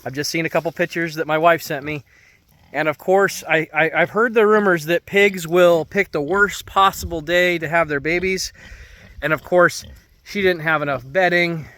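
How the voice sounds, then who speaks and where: A middle-aged man with a slightly high-pitched voice talks casually as he films around his homestead. His manner is folksy and unscripted, addressing viewers and animals alike as he walks outdoors. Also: sharp tone. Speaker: homesteader vlogger. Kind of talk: casual walk-and-talk vlog, filming while talking. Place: outdoors on a muddy farm and under an animal shelter.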